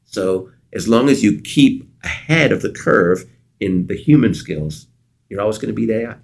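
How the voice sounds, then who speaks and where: A man's voice: on the low side, normal speed, creaky. A middle-aged man from Canada, a consultant guest in an interview, telling stories and acting out the dialogue in them. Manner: animated storyteller, acts out quoted dialogue. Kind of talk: storytelling interview answers.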